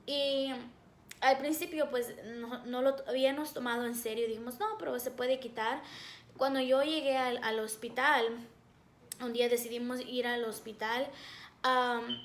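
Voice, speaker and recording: A young woman with a high voice shares a personal faith testimony in an earnest, halting way, pausing often on fillers. Her voice rings in an echoey room. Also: steady tone. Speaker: devotional speaker.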